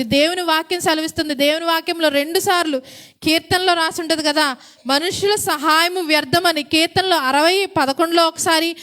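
High-voiced woman preaching with call-and-response. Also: pushed and bright. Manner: asks the congregation questions and repeats the answers. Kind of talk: sermon.

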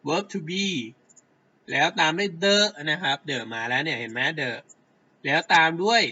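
A man teaching a grammar lesson at an unhurried pace. His voice is bright and fairly high for a man. He keeps checking that his class follows along, and the sound is dull and lo-fi. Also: expressive.

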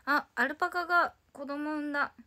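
Speaking high, steady and a little fast, with a sharp edge, this Tokyo idol in her twenties hosts a solo livestream. She keeps things casual, answering viewer comments with playful chatter.

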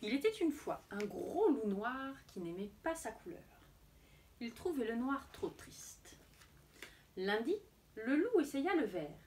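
Teacher lady reading a kids' book out loud, high voice that goes way up and down. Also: measured pace, a little hiss or hum. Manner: expressive storybook reading. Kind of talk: reading a picture book aloud to children.

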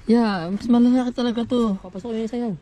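A man on a night fishing trip, excitedly calling out the catch in casual chat with friends. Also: very high voice, quick pace, background noise. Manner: excited, counting the catch aloud. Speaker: vlogger shrimping with friends. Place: wooden dock outdoors at night.

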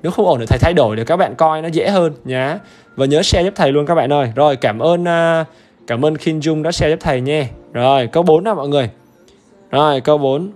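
A man's voice: on the high side, brisk, a little mellow, faint music behind. A man teaching English on a livestream, upbeat and chatty, often checking in with viewers. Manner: upbeat and chatty, keeps urging viewers to comment; repetitive check-ins with the audience. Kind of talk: livestream exam-review lesson.

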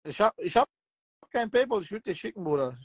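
A man's voice: sits high, big pitch swings, a little fast, slightly rough, dry recording. A man in his thirties chatting casually on a livestream in colloquial slang with Arabic expressions, talking into a phone indoors. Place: indoors, lying in bed in a room. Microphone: phone held close, video call livestream.

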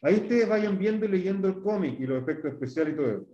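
A man's voice: sits high, expressive, quick pace, warm tone. A man teaching an English class, patiently explaining and modelling pronunciation for his pupils. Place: school classroom. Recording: echoey classroom, far from mic, dull.

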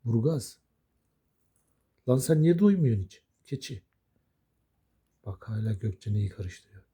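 A man's voice: on the low side, animated, takes it slowly, warm tone, breathy edge. A man talking affectionately to his pet budgies in casual, coaxing baby talk. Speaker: budgie owner.

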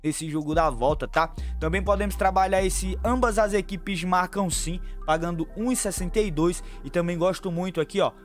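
A young man from Brazil giving quick football betting tips to his viewers, chummy and brisk, calling them family. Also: high-pitched, soft background music. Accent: Brazilian Portuguese, São Paulo fan. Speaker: sports betting tipster. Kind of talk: fast betting tips over screen share. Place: small room at home.

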